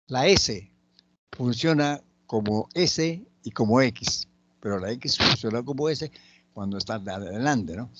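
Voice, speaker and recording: A man teaching a lesson on letters and sounds, slowly and patiently listing example words one by one. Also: mid-range voice, a bit bright, no room sound, muffled recording. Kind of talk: spoken grammar lesson.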